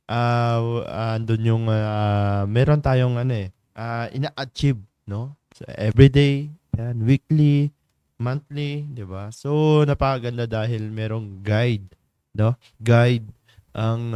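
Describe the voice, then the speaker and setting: A man hosting a morning church devotion livestream in a studio, chatty, laughing often and filling pauses. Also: mid-range voice, warm tone, clear, resonant tone, dry recording. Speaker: devotion leader and livestream host. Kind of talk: casual livestream greetings and devotional talk.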